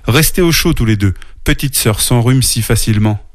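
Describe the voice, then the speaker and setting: A man's voice: medium pitch, moderate pace, no room sound, clean studio sound, lightly acted. A man reading a storybook and voicing a doting, fussy mother bear. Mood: caring. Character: fussing motherly she-bear. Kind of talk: storybook narration.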